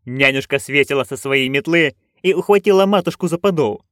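A man reading a fantasy story aloud with expressive storytelling. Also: on the high side, fairly quick, no room sound, clean studio sound. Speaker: audiobook reader. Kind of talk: scripted narration.

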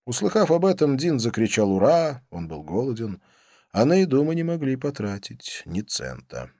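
A male audiobook narrator reads a first-person story with a lot of expression. His voice sits at a middle pitch but moves in wide, lively swings. The recording is dry and close, with no room sound. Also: normal speed, no echo.

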